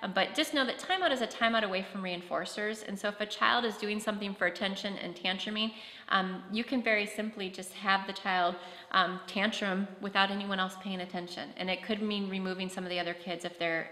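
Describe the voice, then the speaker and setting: A woman's voice: mid-range voice, steady tone, a little fast, sharp tone. A woman presenting a practical workshop talk at a conference, explaining with concrete classroom examples. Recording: echoey hall.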